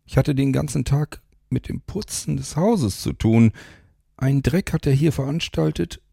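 A man's voice: mid-range voice, measured pace, creaky, mellow, husky, dry recording, studio quality, pitched above the performer's own voice, full character voice. A man voicing a shy, easily flustered young woman, speaking in a raised, questioning way. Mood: indignant.

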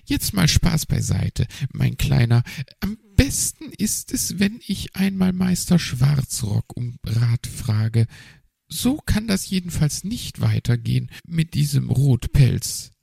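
A man voicing a fussy, prim female magpie in a storybook reading, pitched high and shrill. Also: very animated, slow, vocal fry, darkish tone, slightly rough, dry recording, heavily acted. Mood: chatty. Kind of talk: audiobook character voice.

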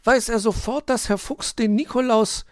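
A man voicing an eager little male hedgehog who plays detective in a storybook, insistent and excited. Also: very high voice, normal speed, no echo, studio quality, pitched above the performer's own voice. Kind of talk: storybook read-aloud.

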